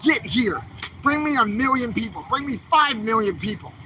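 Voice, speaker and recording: A man's voice: very high-pitched, lively intonation, normal speed, sharp tone, a little hiss or hum, poor audio. Fiery man ranting on a street livestream. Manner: fiery, repetitive, angry exhortation. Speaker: livestreamer filming a street protest. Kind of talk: impassioned livestream rant. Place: city street outdoors, traffic nearby. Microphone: handheld phone camera.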